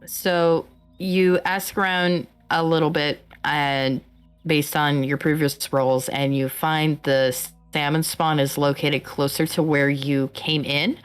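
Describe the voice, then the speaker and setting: A woman game master narrates in a low voice at a slow pace. She improvises haltingly, feeling for the next word, over faint background music. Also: little pitch movement, clean tone. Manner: halting, searching for words.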